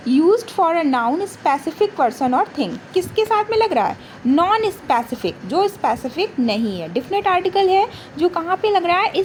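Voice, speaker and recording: A high-voiced woman teaches a grammar lesson, and her pitch rises and falls a lot. She asks her class questions and answers them herself, and reads rules out slowly. There is a faint hiss of noise behind her. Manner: reads English rules slowly, then explains. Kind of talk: exam-prep grammar lesson.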